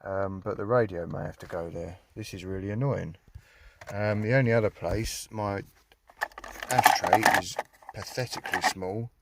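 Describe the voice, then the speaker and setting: Heavy background noise surrounds this British hobbyist as he installs a car radio from inside the vehicle, rambling casually with wry grumbles at his own expense. He speaks at normal speed in a low, creaky voice.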